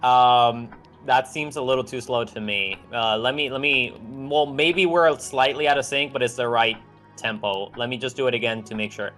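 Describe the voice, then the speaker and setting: A man playing a co-op puzzle game, talking hesitantly with lots of pauses and restarts. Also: mid-range voice, fairly even intonation, fairly bright tone, faint music behind. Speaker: co-op partner. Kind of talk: casual co-op game chat.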